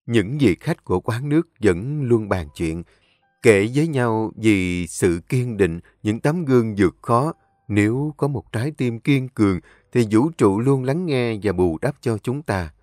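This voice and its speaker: A man reading a scripted story in a calm, heartfelt way. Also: mid-range voice, unhurried, dry recording, clean studio sound.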